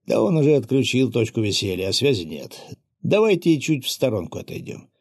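Male reader voicing a gruff, swearing young soldier; dark rough tone. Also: medium pitch, big pitch swings, fairly quick, full character voice. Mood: grumbling. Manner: grumbling and swearing.

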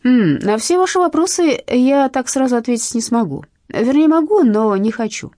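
A woman's voice: on the high side, very animated, normal speed, warm tone, no room sound, clean studio sound, voice pushed up. A woman voicing an elderly, courteous male blackmailer who speaks in a ceremonious, politely menacing way, in an audiobook. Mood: smoothly menacing. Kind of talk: audiobook narration.

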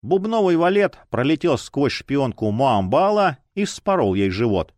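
A man narrating an audiobook in an expressive dramatic style. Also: mid-range voice, a little slow, dry recording, studio quality. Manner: expressive, lively.

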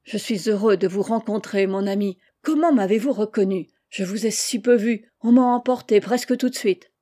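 A woman reading aloud and voicing a hearty, warm-hearted older male general, speaking out loudly. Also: mid-range voice, normal speed, close to an everyday voice. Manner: hearty, exclamatory.

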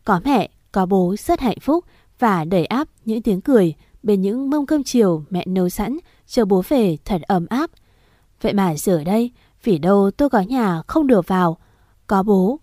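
A woman narrating a ghost story in the first person with a sad, measured delivery. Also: medium pitch, lively intonation, mellow, no echo, studio quality.

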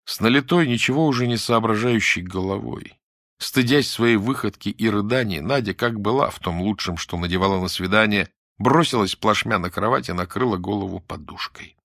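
A man narrating an audiobook with an expressive, dramatic reading. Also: fairly low pitch, normal speed, no echo, studio quality.

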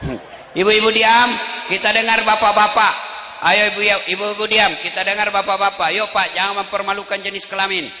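A man's voice: high-pitched, level tone, brisk, pushed and bright, roomy sound, big-room sound, a little hiss or hum. A man preaching a sermon to an open-air crowd, joking and calling out to the audience. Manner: joking, addresses the crowd directly. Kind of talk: Islamic sermon. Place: open-air field gathering.

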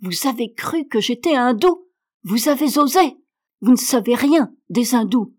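A bossy, spoiled little girl from a storybook snaps out her words with haughty indignation, as a woman reader puts her on. The voice sits noticeably higher and louder than the reader's own, pushing hard on each demand. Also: lively intonation, moderate pace. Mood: furious.

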